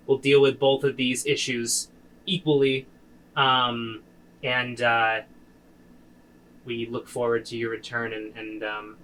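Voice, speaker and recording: A man voicing an earnest, soldierly middle-aged village leader who speaks softly and haltingly. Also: medium pitch, pitched below the performer's own voice, lightly acted, low-quality recording.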